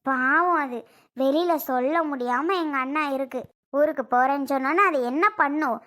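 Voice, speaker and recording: This is an indignant young sister who grumbles on and on about her brother's wife, as the performer puts her on. Her voice is high and bright as she complains, like a fed-up sister in a family drama. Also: normal speed.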